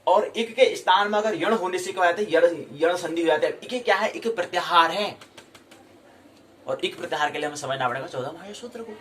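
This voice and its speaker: A man teaching a Sanskrit grammar lesson, explaining and drilling sounds slowly and repeating them for practice. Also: sits high, a bit bright, a little hiss or hum. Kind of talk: classroom lecture.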